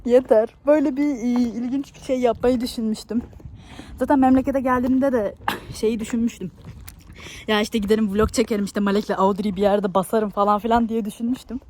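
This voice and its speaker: A woman's voice: fairly high pitch, fairly even intonation, fairly quick, mellow, slight background noise. A woman casually chatting to her viewers as the creator of a comedy vlog.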